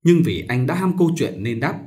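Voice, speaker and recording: A man narrating a short story as an audiobook reading, in an expressive storytelling manner. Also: mid-range voice, fairly quick.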